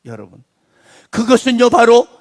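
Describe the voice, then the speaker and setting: Brief: male pastor with a very high voice, preaching a sermon with big dynamic swings down to near whispers. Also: big pitch swings, normal speed. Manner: dramatic swings from emphatic to hushed, almost whispered.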